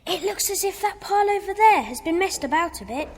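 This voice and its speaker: For a children's audio drama, a woman voices a bold, bossy schoolboy detective, sounding eager, urgent, and full of exclamations. Her very high voice is animated and fairly quick, ringing with the long echo of a stone dungeon.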